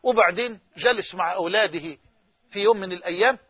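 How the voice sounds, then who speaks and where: A man's voice: high voice, fast talker, slightly rough, no echo. A man with an Egyptian Arabic accent preaching a sermon, telling stories with passion. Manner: impassioned storytelling. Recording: dull, dry recording.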